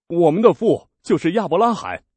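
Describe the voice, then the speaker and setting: Scornful, indignant crowd of accusing men, put on by a male reader, pitched high and loud. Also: sing-song, a little fast, husky, no room sound, heavily acted. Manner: shrill, scornful outbursts.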